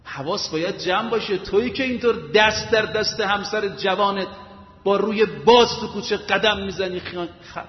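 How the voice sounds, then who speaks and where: A man giving an emphatic sermon, asking rhetorical questions and retelling stories with quoted voices. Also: high voice. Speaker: preacher. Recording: echoey hall, dull lo-fi sound.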